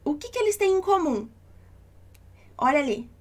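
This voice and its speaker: A woman teaching an online language lesson, patiently reassuring and repeating each example slowly. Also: sits high, very animated.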